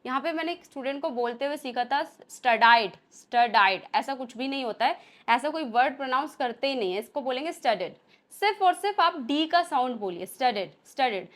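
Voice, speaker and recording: A woman with an Indian accent teaching a spoken English lesson, explaining step by step and slowing down to read example sentences. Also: high voice, lively intonation.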